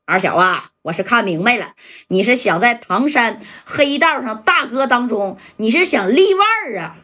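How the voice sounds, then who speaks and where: A woman voicing a tough male gang boss in a spoken crime story, making cold, measured threats. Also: on the high side, lively intonation, bright, forceful tone, breathy edge, exaggerated voice. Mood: threatening.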